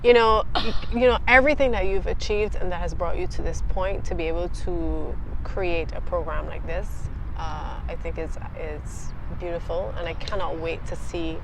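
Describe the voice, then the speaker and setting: A woman's voice: on the low side, steady tone, normal speed, background noise. A woman from Barbados with a Barbadian accent, hosting an interview and affirming her guest often. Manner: warm affirming, frequent "right" and "mm-hmm". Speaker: host.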